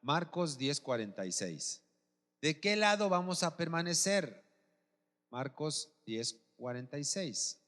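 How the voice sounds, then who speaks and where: A man's voice: a little high, sing-song, takes it slowly, fairly bright tone, big-room sound. A man preaching a sermon as pastor, often asking the congregation if they are with him. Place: church.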